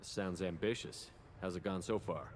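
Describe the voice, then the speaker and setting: A steady military commander played by a man in a video game. The voice is low, measured and matter-of-fact. It carries a long reverb over faint ambient noise. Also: lightly acted. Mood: calm, inquiring. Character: steady male military commander, composed and direct. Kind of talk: scripted video game dialogue.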